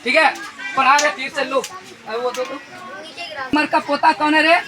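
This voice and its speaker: Male schoolteacher, high voice, quizzing pupils over a noisy crowded classroom. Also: fairly even intonation, measured pace. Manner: quizzes the class, tags questions with "re". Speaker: teacher. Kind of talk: classroom grammar lesson. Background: children's chatter and noise.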